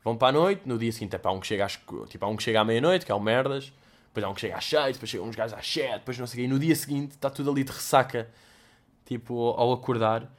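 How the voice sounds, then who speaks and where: A man's voice: mid-range voice, racing. A young man, a host answering listener questions in a casual, slangy, sweary monologue, acting out little mock dialogues.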